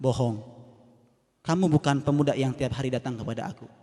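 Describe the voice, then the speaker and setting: A man's voice: medium pitch, fairly quick, dark tone, voice pushed down, natural voice. A male preacher voicing a blind beggar man who pleads and cries out in a sermon story. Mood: suspicious. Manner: pleading, then crying out. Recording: reverberant hall.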